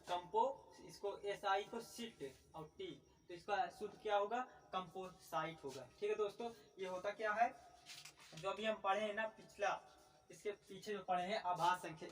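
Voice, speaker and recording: A man teaching a maths lesson, asking questions and answering them himself, slowing down to dictate definitions. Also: sits high, a bit bright, distant mic. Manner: repetitive, asks and answers his own questions; slow dictation while writing definitions.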